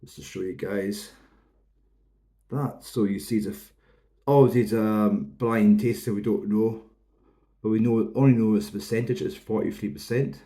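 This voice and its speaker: A man in his thirties with a Hebridean Scottish accent, hailing from the Isle of Lewis in the Outer Hebrides, reviews whisky on camera. His delivery is casual, rambling and explanatory. The voice sits on the low side, warm and steady, at normal speed.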